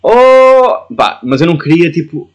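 A man's voice: mid-range voice, expressive, quick pace, breathy edge, lo-fi sound. A young man with a European Portuguese accent, co-hosting a podcast in a joking, casual way. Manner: joking, tries out silly greetings. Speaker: podcast co-host. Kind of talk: casual chat.

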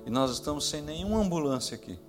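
A man, a pastor, telling a personal story in a sermon, acting out quoted voices high and loud, then dropping to hushed tones. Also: lively intonation, fast talker, soft background music. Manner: drops to hushed tones in tender moments.

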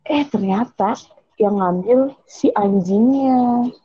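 A woman's voice: on the high side, slow, breathy edge, dry recording, dull audio. A young woman chatting casually, retelling a folk tale in a rambling way and correcting herself as she goes.

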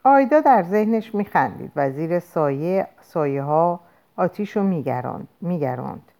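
A woman narrating a novel in an expressive audiobook reading. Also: fairly low pitch.

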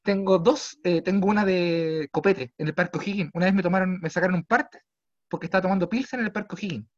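A young Chilean man with a Chilean accent telling a comedic story casually, swearing freely and swinging between low mutters and loud exclaims. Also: fast talker. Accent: Chilean Spanish. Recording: slightly dull lo-fi sound.

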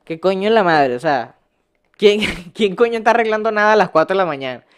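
A man's voice: high-pitched, lively intonation, a little fast, a little hiss or hum. A young man with a Venezuelan accent, ranting casually as a vlogger, swearing a lot, laughing often and stumbling over his words. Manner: profane, rambling, laughs often, restarts words. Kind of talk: casual rant.

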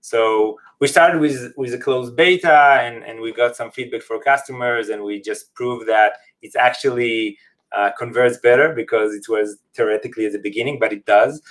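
Guy, medium pitch, explaining stuff on a podcast in slightly english. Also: normal speed, fairly bright tone. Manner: non-native English phrasing. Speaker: company representative, podcast guest. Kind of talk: casual interview, explaining a product.

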